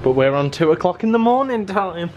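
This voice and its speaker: A man's voice: high voice, animated, a little fast, muffled recording. A young man making dry, wry remarks in casual chat beside a handheld camera. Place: airport terminal, then hotel room. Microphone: handheld camera at arm's length. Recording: loud background noise.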